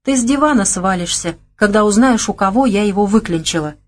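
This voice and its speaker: A woman's voice: a little fast, close to an everyday voice. Lady reader doing a coy teasing young gal, sly and stubborn, voice bounces around a lot. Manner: teasing, coy, high and lively.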